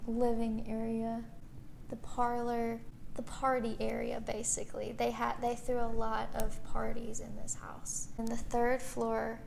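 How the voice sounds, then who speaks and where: A woman's voice: a little high, creaky, low-quality recording. A woman co-hosting a vlog, explaining casually to camera inside an old house, with faint background noise. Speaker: vlog co-host. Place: room inside an old mansion.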